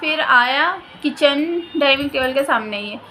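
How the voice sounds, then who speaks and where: A woman's voice: high-pitched, expressive, a little slow, sharp tone, soft background music. A woman vlogger talking casually to camera in her own house, venting in a heated, emphatic way.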